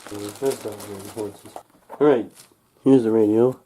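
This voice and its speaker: A young man hosting an unboxing talks casually and haltingly, muttering to himself as he handles packaging; his slightly congested voice sounds like he's getting over a cold. It's fairly low, fairly even and warm, a bit rough, caught in low quality by a camcorder mic just above a table at home.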